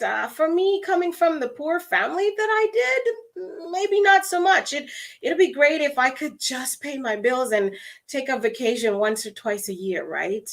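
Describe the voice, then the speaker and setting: Guyanese woman giving a motivational talk. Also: high-pitched. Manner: expressive, conversational, addresses listeners as friends. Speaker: motivational speaker.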